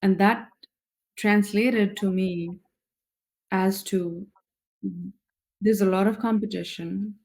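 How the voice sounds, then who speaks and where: A woman from Nepal in her thirties, a scientist answering interview questions in a thoughtful, measured way with frequent fillers. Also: medium pitch, fairly even intonation, a little mellow, poor audio. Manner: thoughtful, measured, with many "you know" fillers. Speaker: guest scientist.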